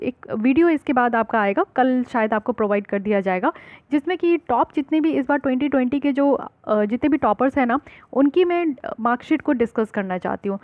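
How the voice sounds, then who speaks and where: A woman's voice: sits high, no room sound. A woman teaching exam-prep current affairs, explaining patiently and mixing in terms with frequent fillers. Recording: dry, phone-like lo-fi audio.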